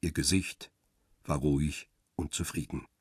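A deep, husky male voice narrates a first-person crime radio drama, also handling dialogue, as a cool, cynical, guarded paparazzo photographer. The delivery is exaggerated yet steady and measured, with a cool mood, captured in a dry, studio-quality recording.

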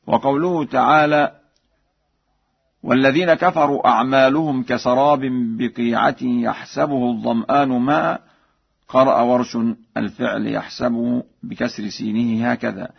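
A man explains recitation rules in a measured way, breaking into slow, melodic chanted examples. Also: mid-range voice, steady tone, creaky, husky. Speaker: Quran recitation teacher. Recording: dull lo-fi radio broadcast.

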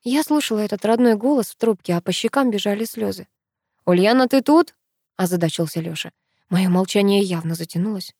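A woman narrating a first-person audiobook with emotional, expressive delivery. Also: medium pitch, fast, breathy edge, no echo, clean studio sound.

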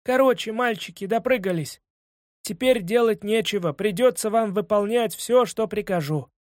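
A man puts on a storybook villain sorcerer who cackles and gloats at the top of a raised, high voice. He swings between booming threats and mocking glee. The sound is close and dry. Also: moderate pace, no room sound, close to an everyday voice. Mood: bossy. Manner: cackling, theatrical, loud and mocking. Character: gleeful trickster sorcerer Koshchei, old male villain. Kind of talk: audiobook character voice.

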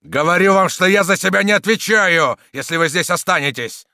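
A man voicing a hot-tempered old soldier in an audiobook, speaking louder and a bit higher than his narration. He is blunt and forceful, with a lively rise and fall. The recording is dry. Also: normal speed, no room sound. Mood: furious. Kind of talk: audiobook character reading.

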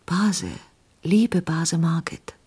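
A reader voicing a weak, feverish young woman who pleads in hushed, hurried speech in a radio story reading. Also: medium pitch, lively intonation, husky, pitched above the performer's own voice. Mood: urgent whisper.

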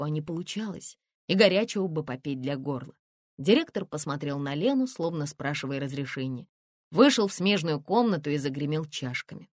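A woman narrating a novel in a lowish voice with a very lively, wide-ranging pitch. The reading is measured and expressive, recorded close and totally dry. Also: dry recording. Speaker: audiobook narrator. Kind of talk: scripted narration.

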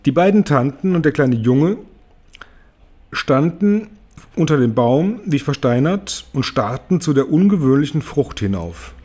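A man reading a children's story aloud as audiobook narrator, in an expressive storytelling manner. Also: a little high, a little slow.

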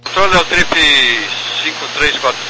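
A man, an airline pilot, giving brisk, clipped readbacks to the controller over aviation radio. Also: fairly high pitch. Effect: heard over aviation radio. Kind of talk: air traffic radio call. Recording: noisy distant radio transmission.

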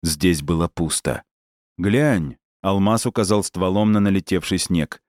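A man narrating an audiobook in a steady, even storytelling manner. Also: low voice, normal speed, dry recording, clean studio sound. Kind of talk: scripted narration.

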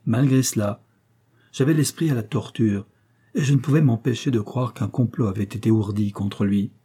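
A man voicing a desperate young gentleman who feels hunted by fate, telling his story anxiously. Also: mid-range voice, normal speed, husky, close to an everyday voice.

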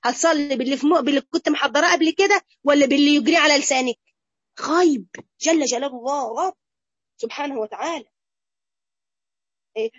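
Egyptian woman, religious teacher, high, fast, chatty lecture, dull dry tape. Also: no room sound. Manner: animated and conversational, addresses the audience directly. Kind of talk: lively colloquial lecture to a women's group.

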